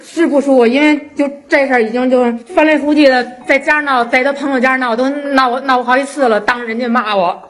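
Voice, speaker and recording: A woman's voice: high voice, fairly even intonation, brisk, hardly any pauses. A woman, a talk show guest giving her side defensively. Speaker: guest, wife.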